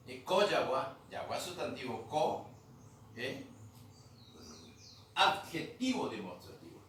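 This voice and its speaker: Teaching grammar in a museum room, this man speaks slowly in a medium-pitched, sing-song, slightly bright voice, patiently going over terms again and checking that his students follow. The recording is echoey with a distant mic and faint noise.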